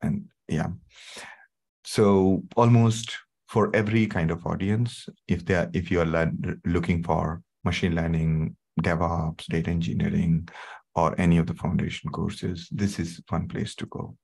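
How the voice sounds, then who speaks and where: A middle-aged man with an Indian English accent presents a live online tech webinar, soothing and conversational, dropping "okay" and "right" often. His low voice is level, unhurried, creaky, and darkish, with slight roughness.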